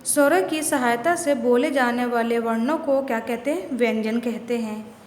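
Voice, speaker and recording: A woman's voice: a little high, normal speed. A woman teacher giving a grammar lesson to young pupils, often asking a question and answering it herself. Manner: asks questions and answers them herself, repeats "ठीक है ना". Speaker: school teacher. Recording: echoey room with long reverb, faint noise.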